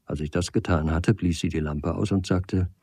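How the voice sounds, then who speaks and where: Deep, husky male audiobook reader. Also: no room sound. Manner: measured, rising to animated in vivid passages. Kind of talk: literary novel reading.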